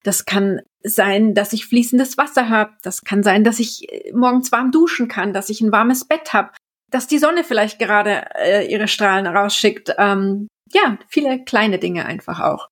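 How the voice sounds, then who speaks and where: A woman co-hosting a podcast, gently explaining mindfulness exercises and guiding the listener step by step. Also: mid-range voice, unhurried. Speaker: podcast co-host, works with children. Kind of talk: casual podcast conversation on mindfulness.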